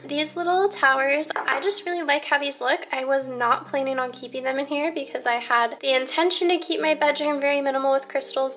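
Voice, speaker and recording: A woman's voice: sits high, gravelly, fairly bright tone. A young woman giving a chatty, upbeat tour of her home in a casual vlog, filmed on a handheld camera. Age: young adult. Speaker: vlogger. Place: rooms of a home, later a parked car.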